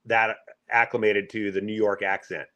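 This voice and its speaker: Rambling low-voiced man telling a story. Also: flat delivery, pushed and bright. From Pacific Northwest of the US. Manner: rambling, halting, with many fillers. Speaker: guest truck driver. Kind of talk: casual storytelling.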